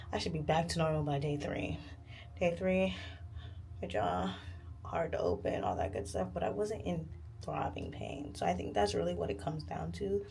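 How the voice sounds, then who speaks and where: A woman's voice: lowish voice, dark tone, a little hiss or hum. A woman chatting casually to camera as a vlogger, candid, informal and slangy.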